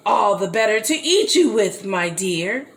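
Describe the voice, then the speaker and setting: A woman voicing a sly, falsely friendly male wolf in a slow, low, coaxing voice for a storybook. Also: lively intonation.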